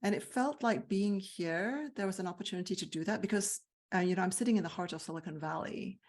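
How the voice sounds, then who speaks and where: A Malaysian woman who coaches CEOs gives reflective personal answers in an interview, thoughtful and earnest, with fillers and restarts. She talks fast at a medium pitch, her tone a little mellow.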